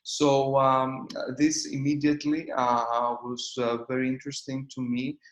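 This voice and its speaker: A Greek-accented man in his thirties speaks in an even, flat tone, stopping often with "uh" between phrases. His voice sits at an ordinary pitch, and the room around him sounds echoey. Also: measured pace. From Greece. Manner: hesitant, many "uh" fillers. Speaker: startup founder and CEO. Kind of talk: conference interview.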